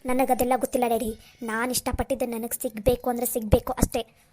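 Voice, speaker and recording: A headstrong young daughter, voiced by a woman in a homemade cartoon. Her voice is high yet mellow and dark in tone. She speaks insistently and refuses to back down. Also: flat delivery, fairly quick, lightly acted. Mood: defiant. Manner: insistent and defiant. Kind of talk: Kannada cartoon voice acting.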